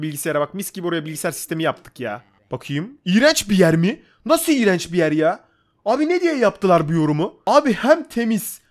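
Excitable male gamer narrating his own play, rapid delivery, slightly high pitch. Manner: excitable, talks to himself and the viewers. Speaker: gaming YouTuber. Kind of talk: casual gameplay commentary.

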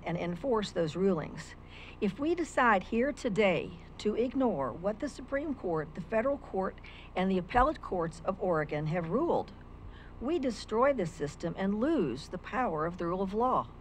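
The speaker, an older US woman, reads quotes from legal texts in a formal, argumentative prepared argument during public comment at a county meeting, indoors at a lectern with a stand microphone. Her voice is medium-pitched, and the rough recording carries a little hiss or hum.

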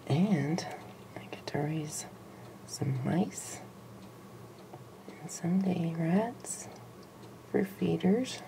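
Young woman, whispery and coaxing, slow unhurried talk, camera mic with noticeable background hiss. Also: sits low, expressive, vocal fry. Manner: often whispering softly, coaxing and giggling. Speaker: animal caretaker filming a pet lizard. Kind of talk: casual home video narration.

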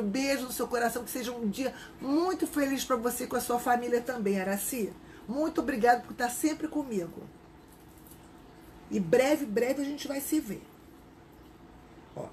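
A woman's voice: a little high, darkish tone, a little hiss or hum, poor audio. Chatty Brazilian woman teaching crafts live. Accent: Rio de Janeiro Portuguese. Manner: chatty, greets viewers by name. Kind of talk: live craft class, casual.

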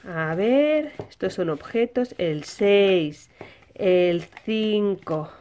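A woman's voice: mid-range voice, expressive, very slow, darkish tone, a little hiss or hum. A woman with an accent from Spain hosting a simple children's lesson, talking as if to small children, with questions she answers herself. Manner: child-directed, asks questions and answers them. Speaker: host of a children's toy channel.

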